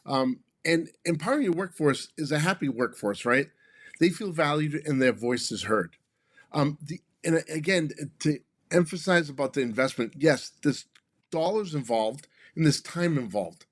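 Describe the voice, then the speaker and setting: A man's voice: a little high, expressive, normal speed, no echo. A man co-hosting a business podcast who explains his points emphatically and often ends them with "right?". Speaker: podcast co-host, consultant. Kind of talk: casual podcast conversation.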